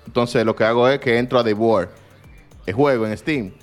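A man's voice: medium pitch, moderate pace, music in the background. A young man, rambling through a story in slangy casual chat as podcast co-host.

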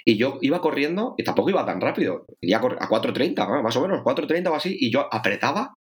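A man telling a race story in casual chat, lively and full of swearing, acting out his own thoughts. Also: mid-range voice, fast talker. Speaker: podcast co-host, triathlete.

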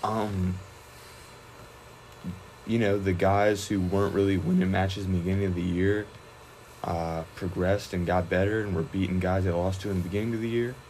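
Low-voiced young man talking wrestling. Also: normal speed, slight background noise, poor audio. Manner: relaxed, rambling, many fillers and restarts. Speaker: high school wrestler. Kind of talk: casual interview.

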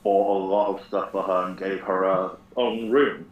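A man's voice: deep voice, fairly even intonation, normal speed, lo-fi sound. A man on a casual podcast, recounting a tabletop game in a rambling way with many fillers. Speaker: podcast host. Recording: echoey room.

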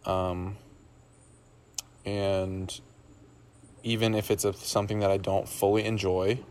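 A man's voice: on the low side, little pitch movement, slow, a little mellow, a little hiss or hum. A young man in casual podcast chat, thinking aloud and rambling with many fillers and restarts.

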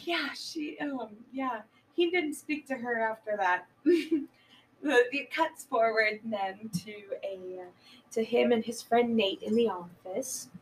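A woman in casual chat, excitedly retelling a film plot with lots of laughter and casual swearing. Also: a little high, slow, slight background noise. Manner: giggly, animated storytelling, swears casually. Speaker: podcast guest.

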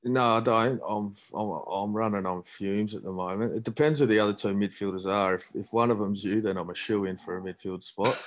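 A man's voice: fairly low pitch, brisk, hardly any pauses. A young Australian man chatting casually in a laconic, dry, self-deprecating drawl. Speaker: podcast guest, amateur footballer. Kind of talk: casual chat.

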